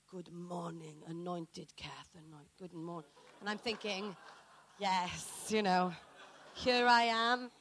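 A Welsh woman preacher tells a personal story during a sermon, acting out what people said in an animated, dramatic way. Her voice is lowish, with slight background noise.

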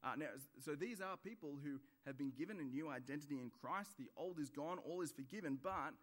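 A man's voice: fairly high pitch, brisk, a bit bright. A man preaching in church, with a conversational sermon manner and acted everyday examples.

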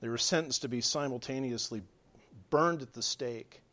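A male pastor preaching a sermon, earnest, shifting between hushed lines and emphatic exhortation. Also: mid-range voice, moderate pace.

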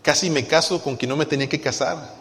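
Impassioned pastor preaching in a reverberant church. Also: male voice, fairly high pitch, quick pace. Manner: impassioned preaching, swings between loud pleading and soft confiding. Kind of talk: sermon. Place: church sanctuary. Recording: reverberant church hall with soft music.

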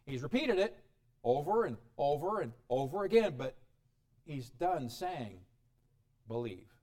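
A man preaching a sermon, reading scripture aloud and explaining it with dramatic swings in loudness and frequent chuckles. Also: lively intonation, unhurried. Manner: dramatic shifts in pitch and volume, chuckles often.

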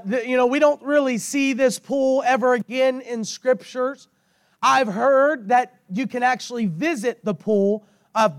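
A man preaching and praying to a congregation in a hoarse, failing voice, with drawn-out, emphatic phrasing and repetition. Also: extremely high pitch, no echo, clean studio sound. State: hoarse, losing his voice while recovering from illness. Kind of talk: sermon and prayer to a congregation. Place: speaking to a congregation through a sound system with monitor.

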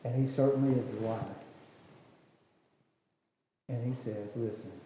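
A man's voice: mid-range voice, fairly even intonation, measured pace, warm tone. A man preaching a sermon as pastor, earnest, repeating words and asking rhetorical questions. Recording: echoey hall with faint noise.

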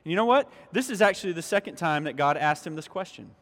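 A man with a high voice preaches from the pulpit, hammering his points by saying them twice and calling out straight to the congregation. His voice rings through a church with a long, trailing reverb. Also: animated, fast talker, fairly bright tone. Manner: emphatic preaching, repeats key lines for weight; addresses the congregation directly. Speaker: pastor. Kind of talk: sermon. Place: church sanctuary.

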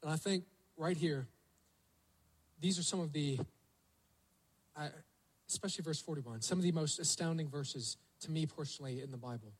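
Guy preaching, slightly high husky voice, keeps asking the room questions. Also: normal speed, long pauses, poor audio. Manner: storytelling, lively rhetorical questions to the congregation. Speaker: pastor. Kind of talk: sermon.

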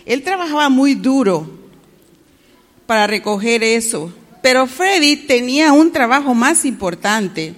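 High-voiced woman, slow storyteller for kids, long room echo. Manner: asks the children questions, animated. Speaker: children's Bible storyteller. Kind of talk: storytelling to children.

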